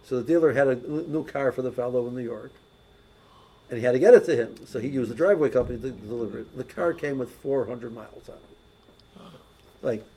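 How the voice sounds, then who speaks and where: A man with a mid-range, mellow voice and a breathy edge talks fairly quickly on a low-quality recording. He is a religious teacher giving a casual lesson, telling anecdotes full of restarts and repeated words.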